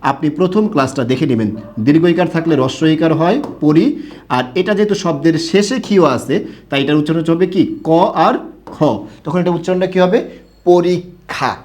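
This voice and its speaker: Man, young adult, online grammar lesson, fairly high pitch, patient step-by-step explaining, asks questions. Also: fast, darkish tone. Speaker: Bengali grammar teacher. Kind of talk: online class lecture.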